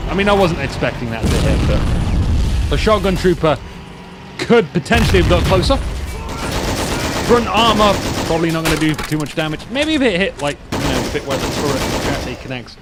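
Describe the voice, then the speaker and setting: Rambling man commentating a war game. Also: a little high. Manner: rambling, joking asides. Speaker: gameplay commentator. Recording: loud game gunfire underneath. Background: gunfire and vehicle noise from the game.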